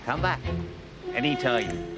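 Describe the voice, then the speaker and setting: Cheeky leering Englishman, animated. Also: medium pitch, slow pace, loud music behind the voice.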